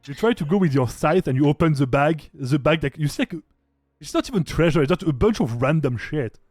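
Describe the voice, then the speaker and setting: A man's voice: fairly high pitch, lively intonation, brisk, darkish tone, no room sound, clean studio sound, faint music behind. A man narrating a tabletop game as game master, casual and rambling, laughing often.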